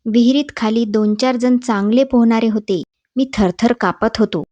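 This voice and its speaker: A woman narrating a textbook story in a clear, measured storybook reading. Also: on the high side, mellow, no echo. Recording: dull dry voice-over.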